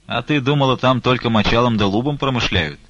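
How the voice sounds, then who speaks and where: A man's voice: mid-range voice, fairly quick, fairly bright tone, dry recording, pitched above the performer's own voice. A man voicing a worried, thoughtful older servant who speaks in a folksy, pondering way, on a dull lo-fi recording.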